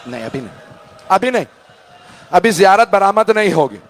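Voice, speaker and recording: A man's voice: high-pitched, sing-song, normal speed, a little hiss or hum. A male cleric delivering an emotional mourning sermon and speaking directly to his listeners.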